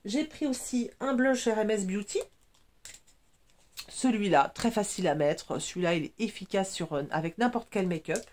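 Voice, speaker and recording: A woman's voice: medium pitch, normal speed, a little mellow, a little hiss or hum. A woman in her forties, sniffling a little, chatting enthusiastically about her makeup products. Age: 40s. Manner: chatty and enthusiastic, many fillers. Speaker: beauty vlogger. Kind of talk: casual makeup product chat.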